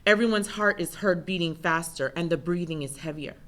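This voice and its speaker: A woman giving an intense, measured first-person spoken word performance. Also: lowish voice, a bit bright.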